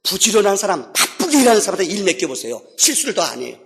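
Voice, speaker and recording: A man pastor preaching a sermon, telling stories with bursts of shouting and soft low drops. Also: racing, creaky. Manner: animated storytelling, shouting at peaks then dropping low. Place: church sanctuary. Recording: reverberant church hall.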